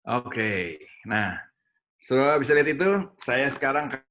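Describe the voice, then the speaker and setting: A middle-aged man teaching a church audience in a sermon style, animated and addressing listeners directly. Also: mid-range voice, measured pace, slight background noise. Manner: animated, addresses listeners as "saudara", acts out dialogue with his child. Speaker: speaker at a church teaching event.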